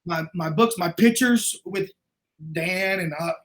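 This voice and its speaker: Middle-aged male guest, high voice, animated rambling storyteller. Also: unhurried. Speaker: guest martial arts instructor. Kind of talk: casual conversation.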